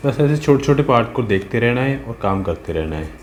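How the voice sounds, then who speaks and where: A man's voice: mid-range voice, sing-song, a little fast, a little mellow, a little hiss or hum. A man giving a casual, patient step-by-step drawing lesson as an art teacher, often checking in with the viewer as he works. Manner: patient, talks while working, asks "है ना?" and "ठीक है?" often. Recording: roomy with faint ambience.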